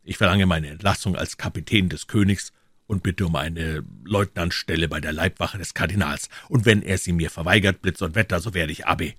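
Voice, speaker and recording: Guy doing a stern captain, gruff and bossy, lower voice, audiobook. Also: a little fast, fairly bright tone, no echo, studio quality. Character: stern older captain of the guard, commanding.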